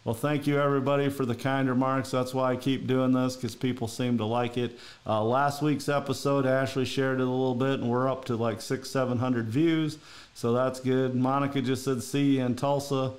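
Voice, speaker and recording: Over a video call from his home, a middle-aged podcast host from Minnesota rambles through a casual interview chat, folksy and heavy with fillers, in his Minnesotan accent. He talks at normal speed, his medium-pitched voice showing little pitch movement.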